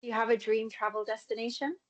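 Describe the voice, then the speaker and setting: A woman's voice: a little high, fairly even intonation, quick pace, dull audio. A young woman hosting a conversational interview, asking questions and responding to the answers.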